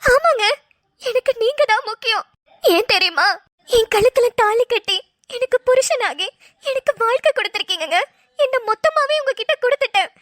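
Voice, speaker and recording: A woman's voice: very high voice, animated, normal speed, fairly bright tone, no room sound, studio quality. A woman voicing a tearful young bride. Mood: insistent. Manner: tearful pleading complaints. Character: young newlywed wife, emotional and hurt. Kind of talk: Tamil cartoon drama voice acting.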